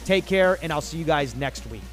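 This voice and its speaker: Male American radio host, slightly high voice, emphatic sales pitch, faint music bed. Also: animated, a little fast, fairly bright tone. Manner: emphatic, repeats key phrases. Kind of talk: radio sales talk on insurance.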